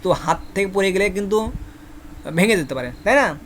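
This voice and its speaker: A man's voice: high-pitched, expressive, a little fast, a bit bright, slight background noise. A man from Bangladesh, teaching a Korean vocabulary class and repeating each word over and over while quizzing his students. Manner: repeats each word many times, asks the class questions. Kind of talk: classroom lesson with memory tricks.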